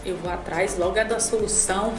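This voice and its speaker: A woman from the Northeast, a lawyer in her forties, telling a story as a guest, animated and acting out the dialogue. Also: mid-range voice, a little fast. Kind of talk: casual podcast chat. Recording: echoey room, soft music behind.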